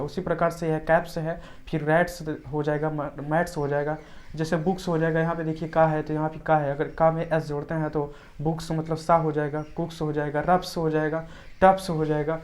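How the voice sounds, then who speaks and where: Woman with a low voice, slow and repetitive. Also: darkish tone. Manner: repeats example words slowly, drilling. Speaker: English pronunciation teacher. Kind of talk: explanatory lesson.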